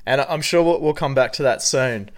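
A young man co-hosts a podcast, his mid-range voice moving a little fast as he casually tells stories. He's animated and jokey, laughing often.

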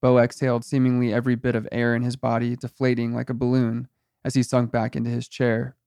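A man's voice: medium pitch, completely flat delivery, fairly quick, vocal fry, mellow, no echo. A man narrating a first-person story in a wry, dry tone.

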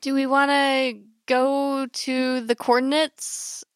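A woman's voice: sits high, flat delivery, takes it slowly, no echo, studio quality. A woman playing a tabletop game, bantering in an informal, direct way.

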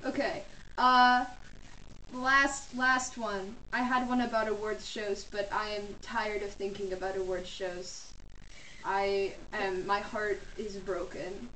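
A woman co-hosting a casual comedic chat, talking in an excitable, emphatic way with quick asides. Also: mid-range voice. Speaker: podcast co-host. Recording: roomy, distant mic, faint noise.

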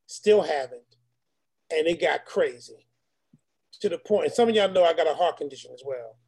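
A man's voice: fairly high pitch, darkish tone. A man, a deacon, telling a personal testimony to an online meeting in an earnest storytelling way, talking straight to the group.

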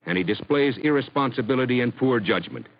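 A man speaking in a deep voice disguised to hide his identity, giving grave, measured answers as an anonymous doctor. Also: muffled recording. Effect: disguised deep voice, altered to hide identity. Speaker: anonymous doctor being interviewed.

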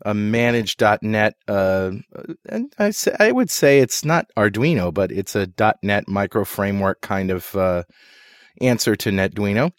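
A man's voice: lowish voice, animated, a little slow, no echo. A man co-hosting a tech podcast from a recording studio, telling stories in a joking, loose way with many fillers. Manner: jokey storyteller, many fillers and restarts. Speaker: podcast co-host. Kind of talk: casual chat.

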